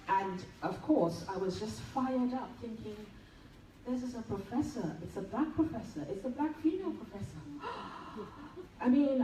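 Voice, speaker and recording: A Trinidadian nurse with a mid-range voice gives a public tribute speech in a large event hall, sounding warm, enthusiastic and admiring. The recording is distant and noisy, with strong hall echo.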